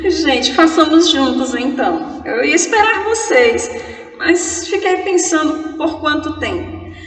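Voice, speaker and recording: A high-voiced woman teacher with a Brazilian Portuguese accent leads a grammar lesson at an unhurried pace, playful and chatty as she spells words out. Her voice sits well back from the microphone in a roomy space with a long reverb tail. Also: animated, recorded from a distance. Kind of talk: online grammar class.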